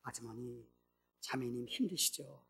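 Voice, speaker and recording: A preacher voicing a gentle male pastor who speaks softly and slowly in a low, hushed voice. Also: slightly rough, faint music behind.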